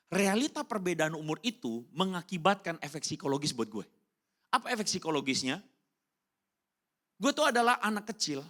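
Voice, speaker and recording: A man preaching a casual youth sermon in speech, slangy and animated, keeping up a run of rhetorical questions to the congregation. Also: medium pitch. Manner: animated, keeps asking the crowd rhetorical questions; slangy and informal, breaks into English phrases. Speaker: youth pastor. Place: church hall during a service.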